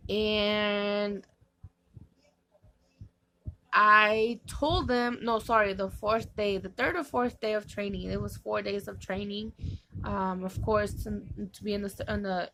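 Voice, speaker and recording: A woman's voice: medium pitch, bright, forceful tone, rough recording. A woman vlogging to her viewers, chatting in a rambling way with many fillers and restarts, and sounding tired. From California. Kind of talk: casual vlog chat.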